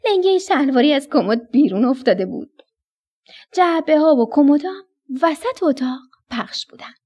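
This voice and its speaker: On the radio, a woman with a high-pitched, breathy voice tells a children's bedtime story, speaking to the kids in an affectionate, animated way.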